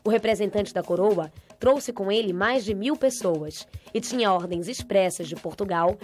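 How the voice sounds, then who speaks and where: A woman narrates a documentary in a measured, even studio voice-over. Her pitch sits in an ordinary middle range. Clear background music runs steadily under her words. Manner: measured, even informative delivery.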